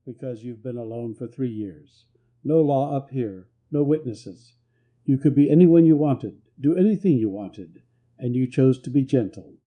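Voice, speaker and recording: A man's voice: mid-range voice, expressive, measured pace, narrow, tinny audio. A man reading a determined young frontier herbalist. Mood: earnest.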